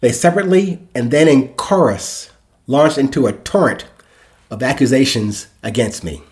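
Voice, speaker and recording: A man's voice: mid-range voice, moderate pace, darkish tone. A man in his sixties hosting a podcast, telling a reflective first-person story and acting out the dialogue. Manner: reflective, acts out dialogue in quotes. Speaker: podcast host.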